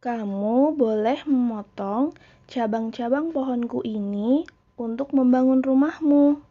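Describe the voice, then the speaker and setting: A woman voicing a kind, generous apple tree in a children's story, with a warm, inviting storybook manner. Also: on the high side, slow, phone-quality sound.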